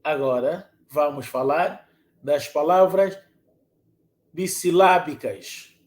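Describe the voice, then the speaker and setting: Teacher drilling words over and over, super slow, echoey room. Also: medium pitch. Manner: drills each word by slow repetition. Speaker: Kikongo language teacher. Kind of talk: spoken language lesson. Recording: roomy echo.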